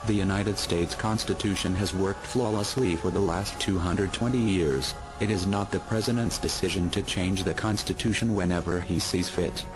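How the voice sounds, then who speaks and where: Disguised deep male voice over music. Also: normal speed, few pauses, low-quality recording. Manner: steady, formal, solemn delivery. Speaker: anonymous activist messenger. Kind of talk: scripted read-out statement.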